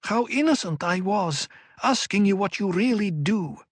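A man's voice: lively intonation, measured pace, dry recording, studio quality. A man voicing an anguished, pleading young woman in an audiobook, his voice raised well above his own. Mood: angry. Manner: pleading, emotional, raised pitch. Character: anguished young woman, former warrior sister.

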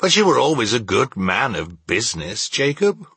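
A man voicing a frightened, pleading old man in a storybook reading, speaking in a timid, hurried, faltering way. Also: mid-range voice, expressive, bright, forceful tone, slightly rough, dry recording, pitched above the performer's own voice, full character voice.

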